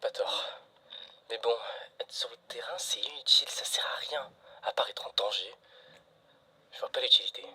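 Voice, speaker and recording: A man's voice: medium pitch, moderate pace, long pauses, sharp tone, slightly rough, full character voice. A man playing a male partner who teases and doubts the mission, often half-whispering his jabs in amateur web-drama style. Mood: skeptical.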